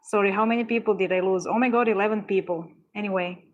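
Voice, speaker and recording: Young woman streamer, excitable and effusive, mid-pitched voice, trips over her words while reading chat. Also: fast talker, narrow, tinny audio. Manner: gushing, exclamatory, with frequent stumbles and restarts. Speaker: livestreamer. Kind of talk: casual chat with live viewers.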